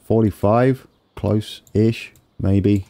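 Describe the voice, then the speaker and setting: A man with a low, mellow voice talks through a game build in a casual way. He sounds wheezy and congested. His delivery is tentative, as he thinks each step through out loud. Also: fairly even intonation, very slow. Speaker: gaming video host.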